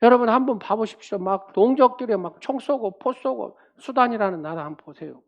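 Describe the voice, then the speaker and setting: A woman pastor preaching a sermon. She calls on the congregation, acts out quoted speech, and swings from loud to quiet. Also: fairly high pitch, a little fast, lo-fi sound. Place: church.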